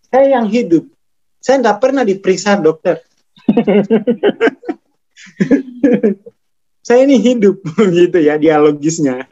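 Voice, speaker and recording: A high-voiced man with a Javanese accent talks slowly in a relaxed spiritual chat. He chuckles often and slips into the voice of a scolding inner self. The sound is dull and lo-fi. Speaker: spiritual teacher. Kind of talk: casual spiritual talk.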